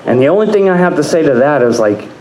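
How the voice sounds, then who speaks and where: A man's voice: a little high, very animated, fast, a little mellow. A man doing a stand-up comedy set on a club stage, rambling and crude, often laughing at his own jokes. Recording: echoey club room.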